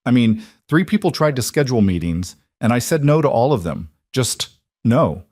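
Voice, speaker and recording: A man's voice: mid-range voice, very animated, normal speed, a little mellow, dry recording, studio quality, pitched above the performer's own voice. A man voicing a guarded woman CEO, earnest. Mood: tender.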